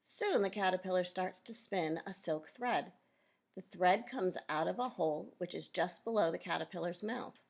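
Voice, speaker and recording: A woman with a lowish, creaky voice reads a children's nonfiction book aloud as a teacher. She pauses to explain things and question her young listeners directly.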